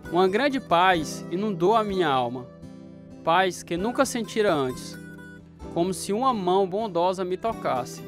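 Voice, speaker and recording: In a high-pitched voice, a troubled, fearful man recounts his youth as dramatized radio narration. He sounds earnest and emotive, with plucked guitar music clearly audible behind him.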